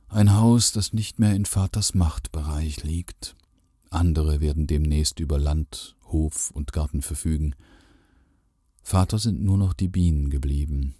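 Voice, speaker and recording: A man reading a first-person literary story aloud in a calm, measured way. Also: rumbling low, no room sound, clean studio sound. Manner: calm, measured storytelling with lively quoted lines. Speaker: narrator.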